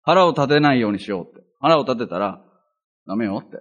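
A man's voice: medium pitch, expressive, quick pace, a bit bright, highs cut off. A male pastor giving a chatty, earnest Bible teaching, with self-deprecating asides.

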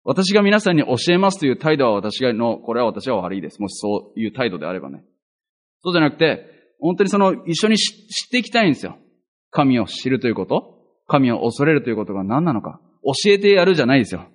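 A man's voice: medium pitch, big pitch swings, quick pace. A male pastor giving a chatty, earnest Bible teaching, with self-deprecating asides.

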